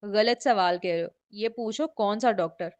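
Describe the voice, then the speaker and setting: A woman's voice: medium pitch, normal speed, no room sound, muffled recording, close to an everyday voice. A woman reading the lines of a witty, sarcastic young heroine in a romance novel. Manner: sarcastic and snappy.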